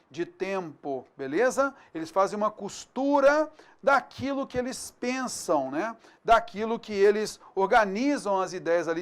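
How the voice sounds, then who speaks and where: Man, Brazilian Portuguese accent, grammar teacher, video lesson, colloquial, lively, frequent tag questions. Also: sits high, clean tone. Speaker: grammar teacher for an exam prep course.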